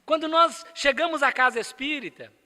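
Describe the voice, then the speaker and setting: High bright-voiced Brazilian man lecturing. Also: moderate pace. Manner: emphatic, with rhetorical questions to the audience. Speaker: spiritist lecturer. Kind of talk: spiritist lecture. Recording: echoey lecture hall.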